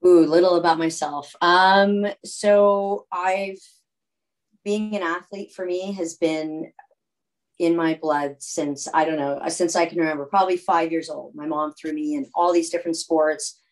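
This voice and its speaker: A woman in her thirties, an athlete from California, speaks in a low voice as a guest on a casual video call interview from a room at home. She talks a little slowly, relaxed and rambling, with fillers and restarts, and the recording quality is low.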